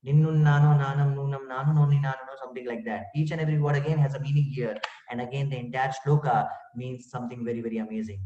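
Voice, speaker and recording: A man's voice: mid-range voice, warm tone. A man giving an inspirational spiritual talk, asking rhetorical questions and saying "you know" often. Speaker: spiritual speaker. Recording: dull far-off roomy recording.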